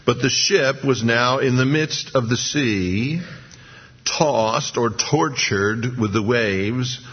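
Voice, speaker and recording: Husky man teaching scripture, dull recording. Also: mid-range voice, takes it slowly. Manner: reads scripture then adds wry asides. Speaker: preacher. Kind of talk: verse-by-verse Bible teaching.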